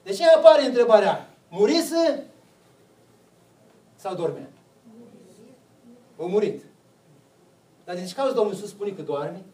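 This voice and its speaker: A man's voice: high voice, expressive, long pauses, dark tone, echoey room, distant mic, low-quality recording. A man preaching a sermon, putting questions to the congregation and answering them himself.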